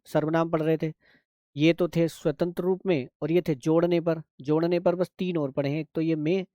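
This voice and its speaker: A man's voice: on the high side, dark tone, dry recording, highs cut off. A man teaching a shorthand class online, going patiently through the steps and asking if his students understand.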